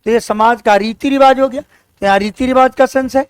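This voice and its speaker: A man teaching an English lesson, going slowly and repeating key words as he quizzes his students. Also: extremely high pitch, fairly even intonation, clear, resonant tone, no room sound. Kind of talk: exam-prep language lesson.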